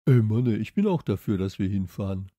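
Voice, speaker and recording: A man's voice: lowish voice, expressive, fairly quick, dark tone, no echo, studio quality. A man voicing a good-natured schoolboy in a children's audiobook, talking in loose street slang. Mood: casual.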